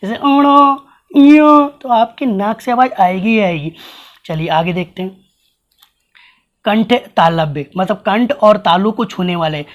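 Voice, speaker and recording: A male teacher working through a grammar lesson. He says each letter aloud slowly, repeats it several times, and turns to his students with quick questions. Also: high-pitched, animated, darkish tone. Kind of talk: blackboard-style grammar lesson.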